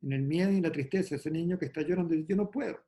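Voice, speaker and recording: Man, meditation teacher, mellow voice, gentle slow explaining, video call. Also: on the high side. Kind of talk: calm spoken meditation talk on a video call.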